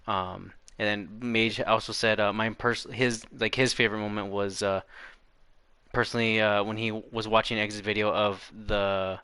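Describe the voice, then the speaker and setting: A man's voice: lowish voice, level tone, moderate pace, pushed and bright, clear, resonant tone, no echo. A young man hosting a casual gaming chat, laid-back, often laughing as he reads the chat. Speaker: podcast host reading chat.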